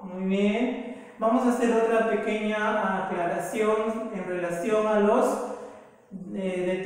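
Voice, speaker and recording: A woman's voice: medium pitch, a little mellow. A woman from South America teaching a recorded grammar lesson, explaining patiently, repeating examples and checking in with the listener. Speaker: language teacher. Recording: echoey room with long reverb.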